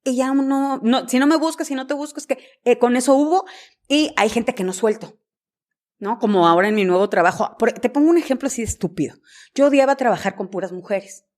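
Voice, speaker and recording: Mexican lady journalist on a podcast, kinda high voice, acts out every bit of dialogue as she tells it. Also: fairly quick. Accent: Mexican Spanish. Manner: animated storyteller, acts out dialogue. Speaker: guest, journalist and news director. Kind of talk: conversational podcast interview.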